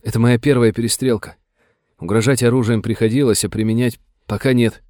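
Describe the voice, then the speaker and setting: A man's voice: medium pitch, steady tone, fairly quick, a little mellow, no echo, clean studio sound, lightly acted. A man doing a nervous young deputy. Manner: tense, urgent. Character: young male deputy, nervous but brave.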